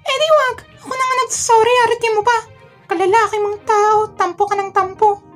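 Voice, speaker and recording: Woman doing a squeaky teasing girl with a Filipino accent. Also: fairly even intonation, fairly quick, faint music behind. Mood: mocking. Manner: teasing, scolding. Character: teasing young woman chatting online, sharp-tongued.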